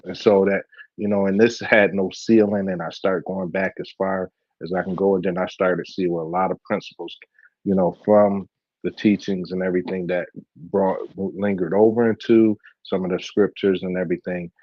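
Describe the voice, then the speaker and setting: A man with a very low voice co-hosts a podcast in a loose, rambling storytelling way. The sound is dry and a little dull. He keeps the chat casual. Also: flat delivery, moderate pace, dry recording. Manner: rambling, storytelling with many fillers. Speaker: podcast co-host.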